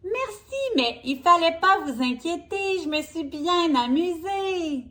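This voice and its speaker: A carefree little girl from a picture book, chirping her lines high and light, played by a woman reading to a child. She sounds relaxed and pleased with herself. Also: slow, heavily acted. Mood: cheerful.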